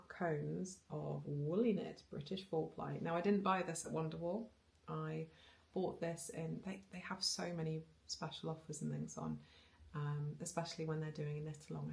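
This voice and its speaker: This Welsh knitting vlogger in her thirties has a low-pitched, gravelly, slightly mellow voice. Sitting indoors in her living room with bookshelves, she chats casually to a camera on a tripod facing her, rambling with ums, restarts and little laughs.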